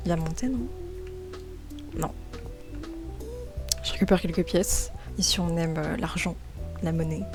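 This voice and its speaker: A chatty woman with a slightly low voice narrates her gaming and drawing in a loose, excitable way, tripping over and repeating her words. She talks into a desk microphone at home, with faint music playing underneath. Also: measured pace, pauses often. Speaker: gaming and art YouTuber. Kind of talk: casual gaming and drawing commentary.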